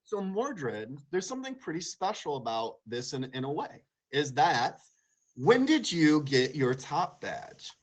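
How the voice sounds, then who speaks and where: A man's voice: on the high side, sing-song, measured pace, poor audio. A man hosting a casual live interview, complimentary and conversational as he works his way into questions. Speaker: show host, interviewer.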